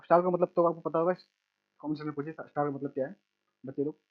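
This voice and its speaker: A man teaching children to read, sounding out each word slowly and repeating it, then adding quick explanations in between. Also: on the high side, steady tone. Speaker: language teacher. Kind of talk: slow word-by-word reading lesson. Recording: tinny phone-like audio.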